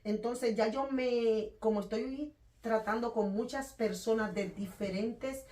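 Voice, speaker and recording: A woman from the Dominican Republic with a Dominican accent, talking loudly and quickly in a casual conversation about faith and handling anger. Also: a little high. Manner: loud, fast, animated talker. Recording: echoey room, voice from a distance.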